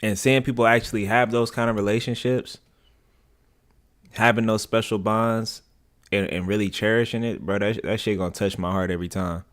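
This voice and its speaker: A man's voice: lowish voice, fairly even intonation, moderate pace, a bit bright. A man streaming casual, slangy and profane commentary as he reacts to videos.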